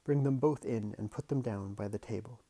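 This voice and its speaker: A man's voice: lowish voice, a little fast, mellow, breathy edge. A man doing a fierce, furious nobleman. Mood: commanding. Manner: barking orders, raised voice. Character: fierce, commanding nobleman uncle, quick-tempered. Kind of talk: audiobook character voice.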